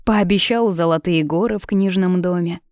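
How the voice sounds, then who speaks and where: A woman's voice: lowish voice, moderate pace, darkish tone, no room sound, studio quality, natural voice. Woman reading as an impulsive young woman. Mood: accusing. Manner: pleading, breaking voice.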